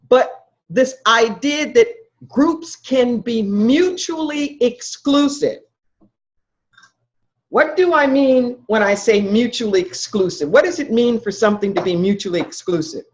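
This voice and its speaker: An emphatic woman minister leads a class, quizzing her listeners and repeating their answers. Her voice is fairly high and very lively. The sound is dull and lo-fi, as from a video call. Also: takes it slowly. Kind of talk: interactive spiritual lecture.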